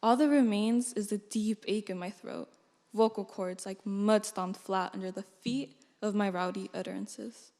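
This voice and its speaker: A young woman in her late teens reciting a poem with an expressive, flowing delivery. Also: medium pitch, unhurried. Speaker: student reciter. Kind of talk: formal poetry recitation. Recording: long hall reverb.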